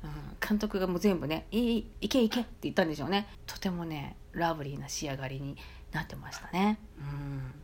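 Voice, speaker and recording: A woman from Nagoya with a Nagoya accent, chatting casually on her own podcast with lots of soft fillers. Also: low-pitched, fast talker, few pauses, slight background noise. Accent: Nagoya dialect. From Nagoya, Japan. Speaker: podcast host. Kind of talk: casual solo chat.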